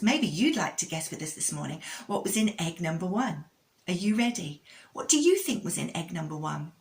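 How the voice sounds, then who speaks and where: A woman with a lowish voice acts as a kids show host, expressively telling a children's story that carries a religious lesson and speaking straight to her young listeners.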